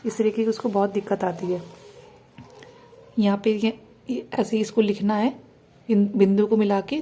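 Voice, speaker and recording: A woman's voice: medium pitch, warm tone, breathy edge. A woman teaching parents the Hindi alphabet, asking questions and answering them herself, stretching out the vowel sounds.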